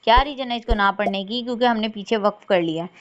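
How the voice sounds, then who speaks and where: A woman teaching Quran recitation rules patiently, saying words slowly and repeating them. She often checks in with "theek hai" and. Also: medium pitch. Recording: dull lo-fi sound.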